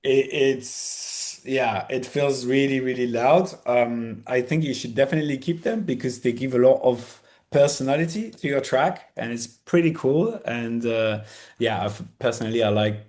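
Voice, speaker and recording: A man's voice: medium pitch, normal speed, darkish tone. Host DJ, male, casual and hesitant, fillers everywhere, video-call sound. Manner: hesitant, many fillers and restarts. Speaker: DJ giving track feedback. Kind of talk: casual live feedback chat.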